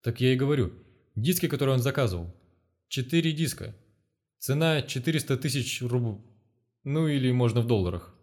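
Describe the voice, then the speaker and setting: A shifty male street dealer, played by an audiobook reader, wheedling and evasive. The voice sits higher than the reader's usual and keeps slipping away from the question. An audiobook character reading. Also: expressive, moderate pace, darkish tone, close to an everyday voice.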